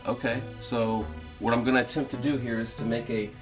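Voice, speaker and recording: An actor playing a condescending, pedantic scientist called Doc, with music playing behind him. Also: male voice, mid-range voice, flat delivery, fairly quick, lightly acted. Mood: explaining. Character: pompous scientist "Doc", grown man. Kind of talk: audio drama acting.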